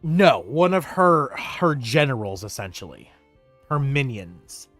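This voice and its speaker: A man's voice: medium pitch, very animated, slow, fairly bright tone, faint music behind. A man working as game master, improvising narration for a tabletop role-playing game.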